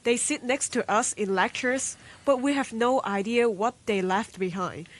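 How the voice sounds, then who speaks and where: A woman's voice: a little high, normal speed. Earnest woman co-host from Hong Kong. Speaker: radio co-host. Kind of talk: scripted radio show hosting.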